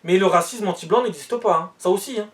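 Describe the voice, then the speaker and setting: A man's voice: high voice, fast talker, distant mic. A man ranting bluntly and heatedly in a monologue, repeating himself as he reacts to the news.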